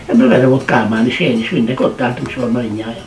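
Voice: medium pitch, flat delivery, a little mellow. An older speaker giving a vivid, emotional account as a witness in a documentary interview.

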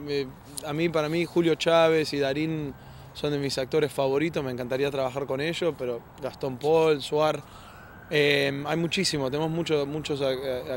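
Argentine-accented male actor, thoughtful interview answers, light city noise outdoors. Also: on the high side. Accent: Argentine Spanish. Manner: earnest, reflective, many restarts and tag questions.

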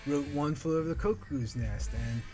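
A man's voice: fairly high pitch, moderate pace, a little mellow, faint music behind. A middle-aged man from Northern California hosting his art channel, talking casually and earnestly with many fillers while he draws at a home desk. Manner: rambling, filler-heavy, earnest. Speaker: artist and channel host. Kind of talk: casual monologue while drawing.

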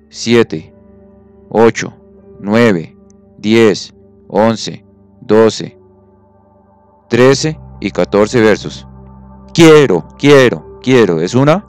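Male teacher, lower voice, patient and methodical, faint music behind. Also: a little mellow, clear, resonant tone. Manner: patient, counts syllables aloud, checks understanding. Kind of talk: explanatory classroom lesson.

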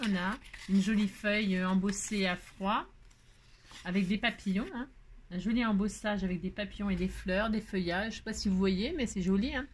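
A woman in casual chat with her viewers, gushing over each piece she unpacks. She talks in a chatty, exclamatory way, trails off into fillers, and scolds her crafts playfully. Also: medium pitch. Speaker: craft channel host. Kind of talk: casual chat while opening mail.

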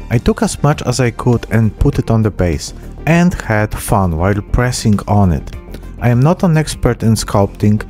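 This man in his thirties, host of a miniature painting channel, talks through a hobby tutorial in a casual, self-deprecating way. His voice is on the low side with a darkish tone, recorded close on a desk microphone with a pop filter inside a small room.

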